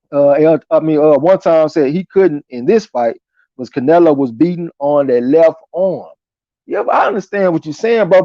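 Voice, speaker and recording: Mellow, slangy man hosting a boxing stream. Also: on the high side, no room sound. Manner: slangy, profane, conversational. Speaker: live stream boxing commentator and host. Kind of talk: casual live chat commentary, reading viewer comments aloud. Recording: dull lo-fi audio.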